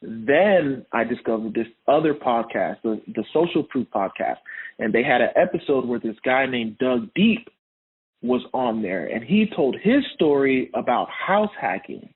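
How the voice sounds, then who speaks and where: A man's voice: medium pitch, sing-song, a little slow, husky. A man from Honduras, a podcast guest, chatting casually and laughing often as he tells his story. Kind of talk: casual interview chat. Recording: tinny phone-like line.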